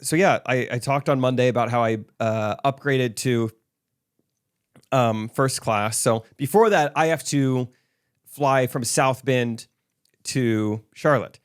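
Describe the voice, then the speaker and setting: A man co-hosting a podcast, telling an animated story in casual chat. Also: medium pitch, takes it slowly, clear, resonant tone. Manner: animated storyteller, acts out voices. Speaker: podcast co-host.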